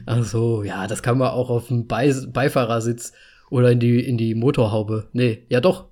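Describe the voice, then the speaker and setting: A man's voice: medium pitch, steady tone, moderate pace, darkish tone. A man in his late thirties co-hosting a podcast in casual chat, talking in a rambling, chatty way and laughing often. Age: 30s. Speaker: podcast co-host.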